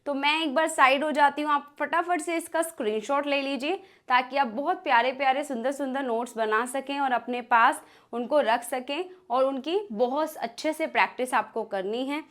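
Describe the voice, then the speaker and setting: A woman teaching English grammar in Hindi, saying each English example sentence slowly and repeating her points patiently. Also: high voice, fairly bright tone. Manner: repetitive, patient explaining. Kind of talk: bilingual grammar lesson.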